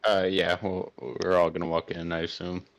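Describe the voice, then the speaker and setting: A man's voice: low-pitched, level tone, fairly quick. A man playing a tabletop game, chatting in a casual, easygoing way. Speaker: player.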